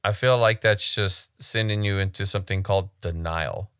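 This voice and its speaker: A man's voice: low-pitched, moderate pace, a bit bright, clear, resonant tone, dry recording. A man casually commenting on a sermon clip, blunt, frank and critical.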